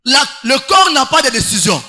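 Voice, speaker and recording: A man's voice: very high voice, sing-song, normal speed, bright, forceful tone. A man preaching a sermon, emphatic, with rhetorical questions and sing-song stretches. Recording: long hall reverb.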